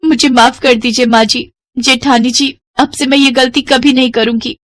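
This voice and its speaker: A woman voicing a young, thrifty, polite daughter-in-law, in a higher voice than her own. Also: steady tone, moderate pace, fairly bright tone. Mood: apologetic. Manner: polite, eager. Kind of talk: animated family story voice acting.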